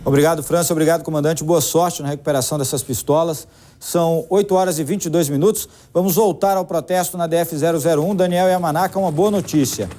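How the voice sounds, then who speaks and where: A man's voice: fairly high pitch, fairly even intonation, fast, warm tone. A man with a Brazilian accent anchoring a live news show, chatting with the reporter and commenting on the footage. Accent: Brazilian Portuguese.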